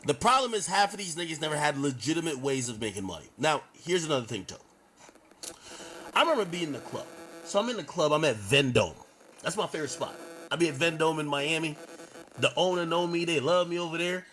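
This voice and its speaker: Animated man telling a club story. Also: on the high side, brisk, poor audio. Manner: animated, profane, acts out quotes. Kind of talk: casual storytelling on a stream.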